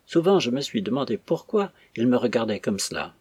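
A man reading the lines of a secretive, wistful young woman in an audiobook, with a husky voice. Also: medium pitch, sing-song, brisk, a little mellow, dry recording.

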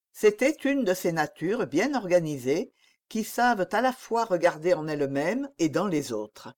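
Slow, expressive woman narrator. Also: fairly low pitch. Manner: measured, expressive reading. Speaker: audiobook narrator. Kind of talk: scripted narration.

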